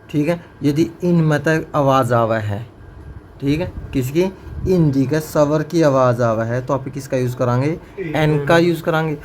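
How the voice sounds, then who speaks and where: A male teacher runs a grammar lesson for his class, drilling students with repeated questions. His voice sits in the mid range and sounds a little mellow. Faint background noise is audible.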